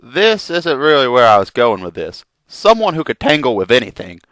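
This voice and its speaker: A man playing a calm, helpful river fisherman giving advice in an amateur comic drama. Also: mid-range voice, normal speed, no echo. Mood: advising.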